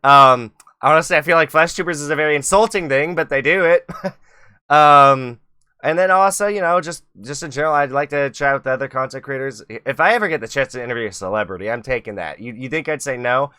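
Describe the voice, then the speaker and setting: Bright, clear-voiced male talk-show host. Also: mid-range voice, fast talker, no echo, clean studio sound. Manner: rambling and self-mocking, swears freely. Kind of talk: casual live-stream chat.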